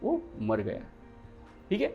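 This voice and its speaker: A man teaching a yoga class, lecturing in a lively way and putting questions to his students that he then answers himself. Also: slow, narrow, tinny audio, soft background music.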